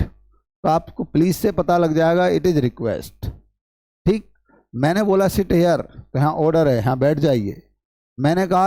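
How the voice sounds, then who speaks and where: A man's voice: on the high side, dark tone, dry recording. A man with a Hindi accent teaching an English grammar class, explaining step by step and asking the class questions. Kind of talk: classroom lecture.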